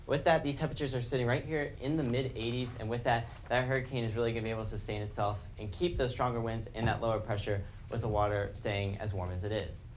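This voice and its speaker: Fast-talking male weather forecaster. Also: mid-range voice, fairly even intonation, slight background noise. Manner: explanatory, technical. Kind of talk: live forecast commentary on maps.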